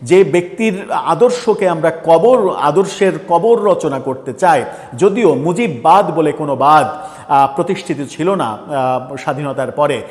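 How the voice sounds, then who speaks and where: Earnest halting male commentator with reverb. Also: fairly high pitch, expressive. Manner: halting, many filler sounds and restarts, earnest and pressing. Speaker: political commentator. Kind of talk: political commentary monologue.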